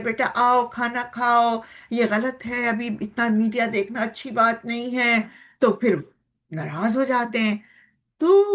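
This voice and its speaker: A woman with a Pakistani Urdu accent teaching a poem to children, storytelling in an animated way and asking them questions. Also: on the high side. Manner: animated, voices the cow's complaints and asks children questions.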